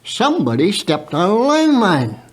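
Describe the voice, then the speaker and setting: A very old man of about a hundred telling his own story unscripted as a veteran guest, haltingly, with repeated words and stammered starts. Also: high-pitched, wildly swooping pitch. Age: very old, around 100.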